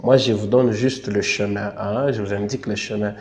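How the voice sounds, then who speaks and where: A man whose Congolese French accent colours his speech walks through a screen tutorial patiently and repetitively, frequently adding "n'est-ce pas" and saying sorry for his English. He speaks in a fairly low, steady voice at a moderate pace.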